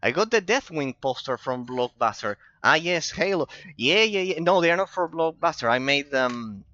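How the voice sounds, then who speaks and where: A man's voice: fairly high pitch, animated, moderate pace, sharp tone, dry recording, highs cut off. Chatty Argentine man streaming a game. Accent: Argentine Spanish. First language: Spanish. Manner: chatty, repeats himself, laughs often. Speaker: gaming streamer. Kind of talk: casual chat over gameplay.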